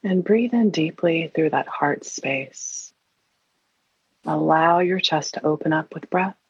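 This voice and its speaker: A woman leading a guided meditation in an airy, breathy, soothing and hushed voice, leaving long pauses. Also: sits low. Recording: roomy, dull lo-fi sound.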